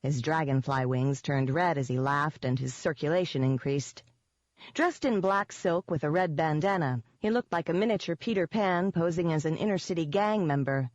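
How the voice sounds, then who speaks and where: A woman's voice: sits low, moderate pace, a little mellow, no echo. A woman narrating a first-person audiobook in a wry, sardonic manner. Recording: dull, dry audiobook recording.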